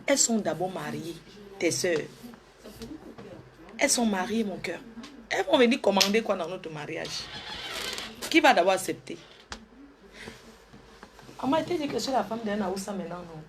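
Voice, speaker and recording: A woman performs a comic monologue to a lover. She sounds playful and theatrical, sweet and coaxing one moment and suddenly loud the next. Her voice sits at a middle pitch. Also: animated, moderate pace, long pauses, background noise. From Africa. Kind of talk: comedic sketch monologue to an unseen lover.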